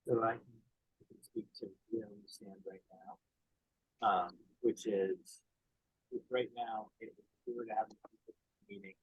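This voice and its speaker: A man in a video call meeting whose audio comes through muffled, faint and far from the mic. He speaks haltingly and restarts his phrases. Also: fairly low pitch, steady tone, vocal fry, breathy edge.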